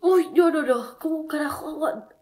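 A young Argentine woman with a bright, fairly high voice chats casually into her phone for followers. She has a cold, so she sounds stuffed up. She jokes at her own expense and whines when something hurts. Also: moderate pace. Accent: Argentine Spanish. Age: young adult. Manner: chatty, self-mocking, whiny when in pain. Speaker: TikTok creator. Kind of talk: casual vlog chat.

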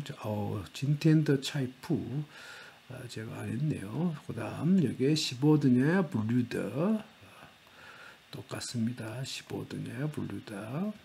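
A man teaching a grammar lesson, talking slowly and repeating words with fillers. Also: mid-range voice, vocal fry, mellow, husky. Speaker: language teacher.

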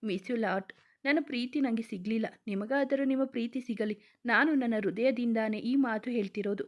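Lady reading as a sad young guy in love, soft and pleading, kinda high voice. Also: normal speed, close to an everyday voice. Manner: soft, pleading, tearful lines. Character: heartbroken young man in love, gentle. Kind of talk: storybook reading.

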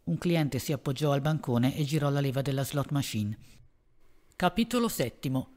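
A man narrating a novel as an audiobook in a measured, even reading voice. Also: medium pitch.

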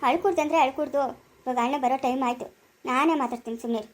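A woman playing a calm elder sister who firmly soothes her crying sibling, speaking in a rural Karnataka Kannada accent in an amateur family drama. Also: sits high, racing. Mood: soothing. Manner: coaxing, firm, repetitive.

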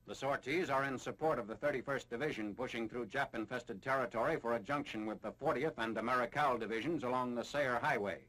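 A man narrating a 1940s wartime newsreel in a brisk, authoritative announcing manner, from an old newsreel soundtrack. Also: mid-range voice, rough recording. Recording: old newsreel with loud noise.

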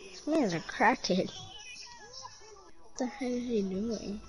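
High, lively young woman gamer. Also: slow pace. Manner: excitable, exclaiming. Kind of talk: casual game chat. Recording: game music behind. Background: game music.

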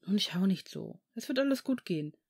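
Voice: mid-range voice, animated, brisk, a little mellow, breathy edge. A reader voicing an eager, bold teenage boy wizard in a fan audiobook, urging his friend on.

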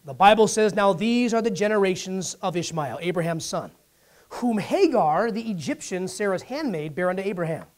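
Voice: medium pitch, animated, moderate pace. A preacher giving a sermon, asking the congregation for responses and acting out Bible figures in dialogue.

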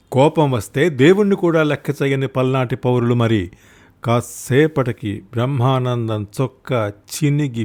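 A man reading a village story aloud as an audiobook storyteller, acting out the characters in turn. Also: darkish tone. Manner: voices characters with raised pitch and volume. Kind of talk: dramatic audiobook narration.

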